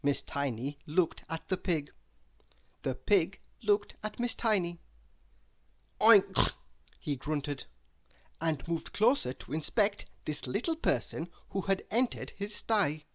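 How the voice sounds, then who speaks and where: Here a storybook reader narrates a children's story out loud with a mid-range voice, delivering it deliberately and expressively.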